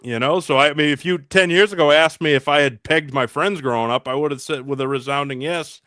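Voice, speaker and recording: Bright, dry-voiced Massachusetts man. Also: a little high, brisk, clean tone, no room sound. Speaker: guest. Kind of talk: casual chat, deadpan joke telling.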